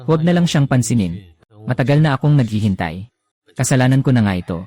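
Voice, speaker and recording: A man's voice: mid-range voice, lively intonation, fast, mellow, no echo, natural voice. A man voicing an undercover police captain and guilt-ridden father, with earnest, regretful speech.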